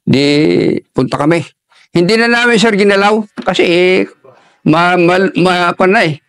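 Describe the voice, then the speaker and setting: An older man, an army veteran, telling a war story in an interview in a halting way, with many restarts, and dropping his voice for quoted lines. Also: sits high, fairly bright tone, smooth, no echo, studio quality. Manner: halting, restarts often while recalling combat.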